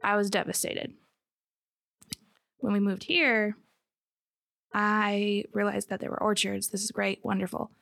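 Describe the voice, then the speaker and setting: Creaky-voiced American woman, casual co-host. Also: medium pitch, steady tone, unhurried, pauses often, fairly bright tone, no echo, studio quality. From Michigan, United States. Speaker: podcast co-host. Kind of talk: casual conversational chat.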